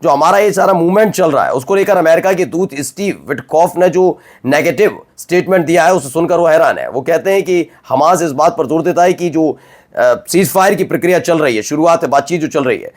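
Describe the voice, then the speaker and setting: A man's voice: on the high side, a little fast. A man presenting the news in a conversational, emphatic way, asking rhetorical questions of his viewers. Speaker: news anchor.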